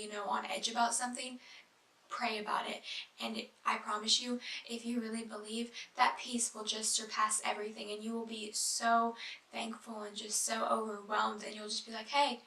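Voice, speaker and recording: Young woman, devotional vlogger: earnest and rambling, higher voice with some fry, soft whispery asides. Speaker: Bible study vlogger. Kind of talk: casual devotional talk. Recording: echoey room, mic at a distance.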